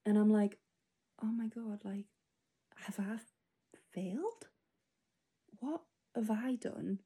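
A woman's voice: mid-range voice, takes it slowly, mellow, breathy edge. A 25-year-old woman rambling through a spoken diary entry, casual and full of fillers. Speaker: podcast host.

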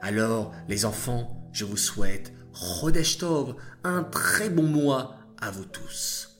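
A man telling a bedtime story to children, speaking slowly and addressing them directly. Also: medium pitch, fairly bright tone, faint music behind.

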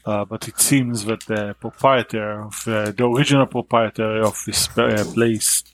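A man speaking as a player in a tabletop game, recounting with many halting pauses. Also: on the low side, fairly even intonation, a little hiss or hum, rough recording. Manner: halting, filler-heavy recounting.

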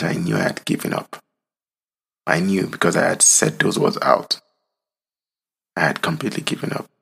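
A man, from Nigeria, telling his own story in slow, solemn, reflective narration. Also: deep voice, creaky, a bit bright, breathy edge. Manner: slow, solemn, deliberate delivery.

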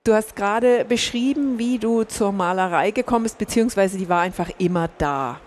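A woman's voice: mid-range voice, a little fast, a little mellow, slight background noise. A woman hosting an interview, asking questions and responding encouragingly. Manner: encouraging, frequent affirmations. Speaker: interviewer, host.

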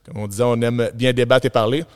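A man from Quebec with a Québécois French accent, co-hosting a casual podcast and explaining things with steady enthusiasm. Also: medium pitch, brisk, clean tone. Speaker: podcast co-host, gym owner. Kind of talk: casual chat.

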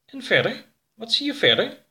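A man voicing a small, curious, impulsive male alien explorer in a storybook reading, with a high, excitable delivery. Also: full character voice. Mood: eager. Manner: high, excited, quick-tempered.

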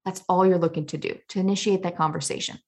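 A woman guest on a podcast, giving advice in an energetic, emphatic coaching way. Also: fairly low pitch, quick pace. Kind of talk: conversational interview.

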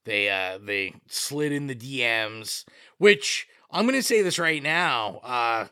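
A man's voice: medium pitch, expressive, takes it slowly, pushed and bright, smooth, dry recording, clean studio sound. A man co-hosting a podcast, chatting casually and reading out listener responses, with plenty of fillers and restarts. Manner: rambling with many fillers and restarts.

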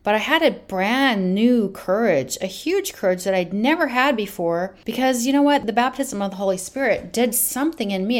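A woman in her late fifties, hosting a podcast and telling her personal faith testimony in an earnest, emphatic way. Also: mid-range voice. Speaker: podcast host.

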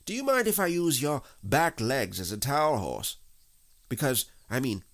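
A man's voice: medium pitch, sing-song, moderate pace, a bit bright, voice pushed up. Guy doing fussy stern storybook rabbit, proper n pointed, voice jumps up and down. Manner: clipped, proper, polite but pointed. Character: fussy, brisk, stern male rabbit, politely exasperated.

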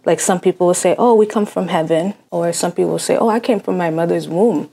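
A young woman from Cambridge, Massachusetts, whose first language is Haitian Creole, talks reflectively as an interview guest, filling her speech with frequent fillers. Her voice is fairly low, a little fast and creaky, with a dark tone, in a casual, thoughtful conversation.

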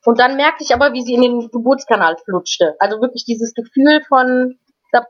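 Halting, higher-voiced woman telling her story. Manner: halting, frequent restarts and repeated words. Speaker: interview guest. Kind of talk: casual personal storytelling. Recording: dull lo-fi recording.

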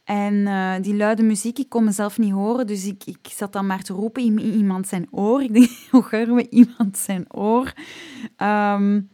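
Dark-voiced Flemish singing teacher. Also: female voice, mid-range voice, fairly even intonation, moderate pace, dry recording, studio quality. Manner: chatty, frequent "ehm" fillers, laughs at herself. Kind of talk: casual spoken vocal health tips.

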